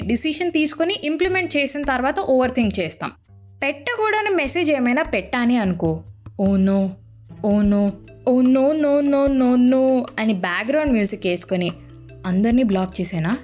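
A young woman hosts her podcast in a playful, self-mocking monologue and slips English phrases into her talk. Her voice sits a little high, and she acts out her anxious inner thoughts as she goes. Faint music plays behind her. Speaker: podcast host. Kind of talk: scripted monologue to the listener.

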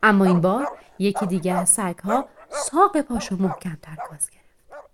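Woman telling a bedtime-style animal story, soft and dramatic, whispers at scary bits. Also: medium pitch, animated, a crowd in the background. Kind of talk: scripted narration of an animal story.

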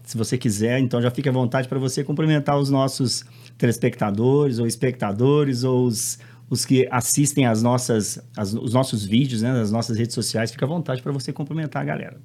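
A man's voice: mid-range voice, fairly quick, warm tone. Middle-aged Brazilian man hosting casually. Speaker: podcast host.

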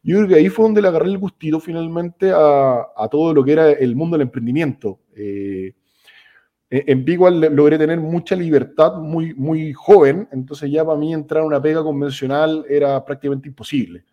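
A young Chilean man with a Chilean accent, a startup co-founder talking casually as a guest, halting and restarting his sentences often. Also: a little high, highs cut off. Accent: Chilean Spanish. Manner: relaxed, halting, many restarts and fillers. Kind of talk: casual conversational interview.

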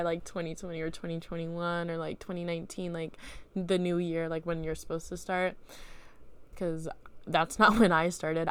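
Smooth-voiced young woman, profane and casual. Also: lowish voice. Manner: loose, profane storytelling with laughs. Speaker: podcast host. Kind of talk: casual solo podcast chat. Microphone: home computer mic.

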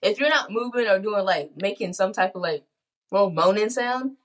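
A woman's voice: mid-range voice, animated, normal speed. A young woman with a mid-range voice, joking and slangy as she co-hosts a casual podcast, often breaking into laughter. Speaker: podcast co-host. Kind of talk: casual chat.

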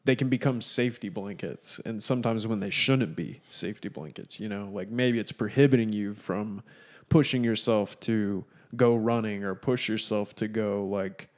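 A man co-hosting a podcast, talking in a relaxed, reflective way and hedging with fillers. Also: on the low side, normal speed. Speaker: podcast co-host. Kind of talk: casual chat.

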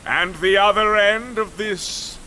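An actor playing a gleeful, vengeful ice villain who gloats theatrically and cackles. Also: male voice, high-pitched, slow pace, bright, forceful tone, slight background noise, heavily acted, rough recording. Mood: gloating.

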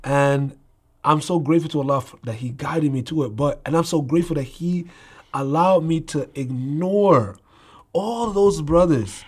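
A man's voice: on the high side, normal speed, a little mellow, breathy edge. A man speaking as an interview guest in a heartfelt conversational way, emphatic and often checking that the listener follows. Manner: emphatic, with repeated rhetorical check-ins.

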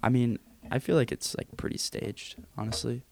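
A man's voice: mid-range voice, fairly even intonation, moderate pace, creaky, slight background noise. A young man co-hosting a casual podcast, talking in loose, profane banter into a home computer mic. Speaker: podcast co-host. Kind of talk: casual chat. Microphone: home computer mic with headphones.

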